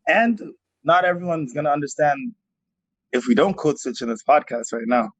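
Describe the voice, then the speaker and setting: A young man from Jamaica co-hosting a podcast, telling stories in animated casual slang. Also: fairly high pitch, moderate pace, very noisy. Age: young adult. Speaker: podcast co-host.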